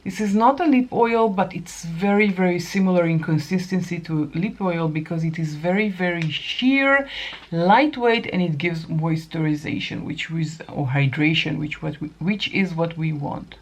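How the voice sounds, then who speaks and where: With a lowish voice at a moderate pace, this woman in her fifties runs a chatty makeup tutorial, talking to viewers as she works and fixing her own slips. The recording has a dull, lo-fi quality.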